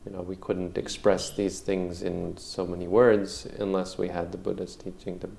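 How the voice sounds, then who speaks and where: A man teaching meditation, answering questions in a calm, measured way, often saying "you know". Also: deep voice, gravelly. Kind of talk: answering questions in a dharma talk.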